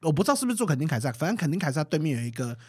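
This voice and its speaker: A man with a Taiwanese Mandarin accent tells a story as a guest in a casual chat. He talks fast and is quick to react. The sound is dry and close. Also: on the high side, sing-song, darkish tone, husky, dry recording. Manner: quick, reactive talker with gasps and exclamations. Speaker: podcast guest.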